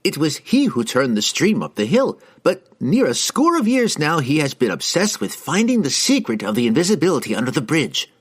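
A man voicing an excitable, fussy wizard. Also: fairly high pitch, brisk, few pauses, husky, pitched above the performer's own voice. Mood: cheerful. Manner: eager, rambling explanations.

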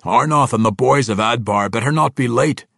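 A stern dwarf king voiced by a man asks curt, demanding questions, a little higher and louder than the reader's own low voice. The reading sounds close and dry. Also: normal speed, vocal fry, no echo.

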